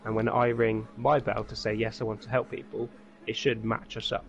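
A man, calmly guiding a friend through game settings step by step during a co-op stream. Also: on the low side, moderate pace, creaky, dull audio, faint music behind. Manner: patient, explaining step by step. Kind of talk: casual game chat over voice call.

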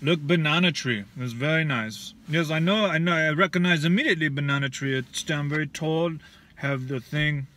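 A man's voice: a little high, moderate pace, pushed and bright. A man putting on a Russian accent, voicing a pushy, friendly man in broken English. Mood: eager. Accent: mock Russian.

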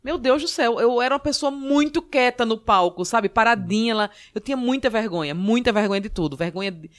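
A woman from Northeast Brazil speaks with her Northeastern accent. She chats casually as a podcast guest, telling comic stories in an animated way and acting out the voices of the people in them. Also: fairly high pitch, a little fast. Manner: lively, animated storytelling with acted quotes. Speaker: stand-up comedian guest.

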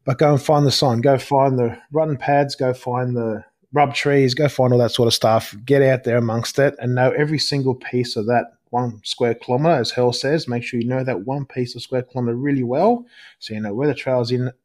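A man speaks as a guest on a podcast, relaxed and friendly with an eager streak. His voice sits in a middle pitch, and his tone is plain and conversational. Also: normal speed. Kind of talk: casual chat.

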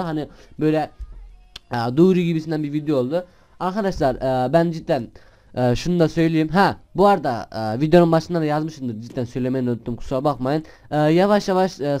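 Chatty young man, smooth clear voice. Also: on the high side, fast talker. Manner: chatty and rambling, bursts into shouted swearing at other players. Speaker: gaming channel host. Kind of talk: casual gameplay commentary.

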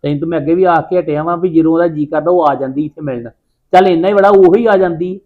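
A man playing a busy farmer husband, talking in a gruff, defensive way. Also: a little high, fast, phone-quality sound. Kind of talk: village drama acting.

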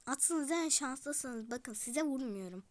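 Female gaming youtuber, high voice, chatty, whispered asides to viewers. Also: expressive, slow, slight background noise. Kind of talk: casual game commentary.

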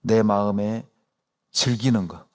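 A man's voice: fairly low pitch, takes it slowly. A man preaching a sermon as pastor, emphatic, and firing rhetorical questions at his congregation. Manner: acts out complaining believers in quoted asides.

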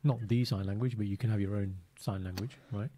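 A man's voice: lowish voice, a little fast. A man, co-hosting a casual podcast from home, telling stories with playful energy and joking asides. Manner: animated, jokey storytelling with playful put-on accents. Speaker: podcast co-host. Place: home room, indoors. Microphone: desk mic on boom arm.

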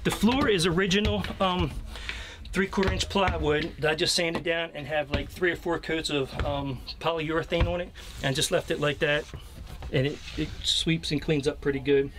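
An American man in his fifties, with a highish voice, fairly even intonation and a moderate pace, gives a plain-spoken, hesitant, unscripted walkthrough inside a small camper trailer. The location audio is clearly noisy and has clicks.

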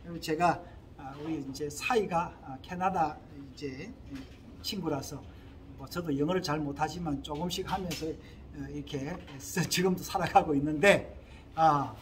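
This man preaches a sermon in a Gyeongsang accent, pitched rather high for a man. He keeps turning to the congregation with rhetorical questions in an earnest pastor's manner. A light background noise sits under his voice. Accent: Gyeongsang Korean. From Gyeongsang region, Korea. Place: Korea-linked small church abroad.

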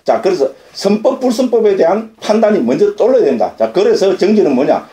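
In a roomy recording from a Buddhist center's lecture hall, a Korean monk delivers a dharma talk in a mellow, high-pitched voice. He is very animated and talks fast, frequently posing questions he answers himself and seeking agreement through brief tag questions.

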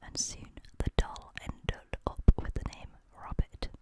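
A young woman narrates a spooky tale as ASMR. Her voice stays in a hushed, breathy whisper, spoken closely into a studio microphone. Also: a little slow. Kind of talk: whispered ASMR reading of a creepy story.

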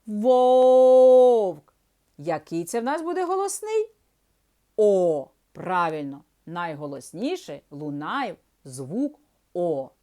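A woman teaching a children's reading lesson, slowly sounding out syllables and asking young pupils questions, then answering them herself. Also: fairly low pitch, big pitch swings. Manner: slow, drawn-out, sounds out syllables; addresses young pupils, asks and answers her own questions.

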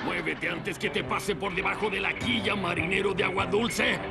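Cartoon pirate captain, Latin American accent, bombastic, short-tempered, gravelly, animated, loud music behind. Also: male voice, high-pitched, normal speed. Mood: bossy, angry. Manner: bossy, bombastic, insulting. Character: blustering, short-tempered, scheming little male pirate captain. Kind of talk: dubbed cartoon acting.

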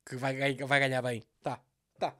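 With a Lisbon Portuguese accent, a man gives a comedic recap of a TV series, sarcastic throughout, swearing constantly and mocking the scenes. His voice is medium-pitched, flat, moderately paced and a bit bright.

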